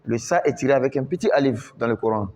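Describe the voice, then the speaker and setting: This man's voice is medium in pitch with a darkish tone as he teaches Quran recitation in French. He goes slowly, repeating words again and again and stretching out the syllables as he recites.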